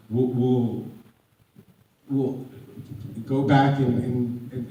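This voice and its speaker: Heard from a distance in an echoing room, this man has a mid-range, dark-toned voice that is starting to fail him. He's an American addiction counselor addressing a community panel, often backing up to restart his words and pressing harder as the talk goes on.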